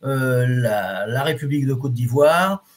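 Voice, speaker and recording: This man speaks at a medium pitch and a little slowly. He's teaching reflexology live, talking loosely to his audience with frequent fillers and false starts, and he reads their comments out loud.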